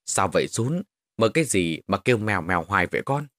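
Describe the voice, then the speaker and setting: A man's voice: on the low side, very animated, quick pace, a bit bright, no room sound. A man voicing a worried father urging his son awake.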